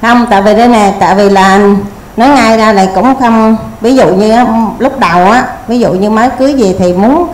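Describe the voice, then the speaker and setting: A woman's voice: a little high, a little fast, few pauses, roomy sound, low-quality recording. A middle-aged woman, a contestant's mother, explaining her family in a rambling, repetitive way. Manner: rambling, hesitant, repeats herself. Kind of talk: explaining on a TV show.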